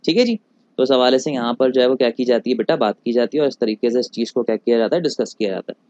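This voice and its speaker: A male physics teacher giving a recorded lecture. He asks rhetorical questions, answers them himself, calls students "beta" and slows down on English technical terms. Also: medium pitch, lively intonation, darkish tone, no room sound. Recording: dull lo-fi, dry recording.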